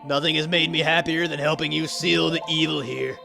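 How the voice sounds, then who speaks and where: A man voicing a burly male rock-creature chieftain from a video game, in a strained, throaty put-on voice with slow, solemn, overly earnest delivery, reading the game's dialogue aloud. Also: on the high side, steady tone, creaky. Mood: proud brotherly. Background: game music.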